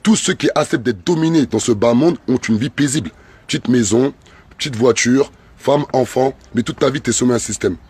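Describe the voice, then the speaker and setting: A man's voice: medium pitch, a little fast, darkish tone, breathy edge. A French man speaking as a fervent activist, delivering an impassioned political speech in repetitive, rising emphatic bursts. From France.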